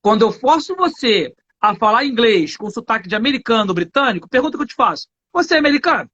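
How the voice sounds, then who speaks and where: A man's voice: very high voice, big pitch swings, quick pace, a bit bright, dull audio. A man with a Brazilian Portuguese accent co-hosting a live English lesson, emphatic and slangy, sometimes preachy. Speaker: English teacher and co-host.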